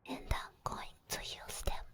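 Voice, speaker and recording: In a whispered ASMR roleplay, a woman voices an obsessed, teasing, menacing sleep paralysis demon, speaking deliberately and intimately with long, drawn-out pauses. Her natural voice has a fairly bright tone, and the mood is gloating and teasing.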